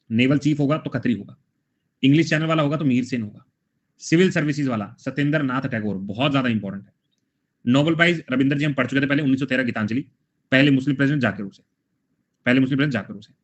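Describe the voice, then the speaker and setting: Man, teacher, general knowledge class, repeats memory tricks, middle pitch, slightly muffled recording. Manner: drills mnemonics with repetition, addresses students as brothers. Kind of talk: live online GK class.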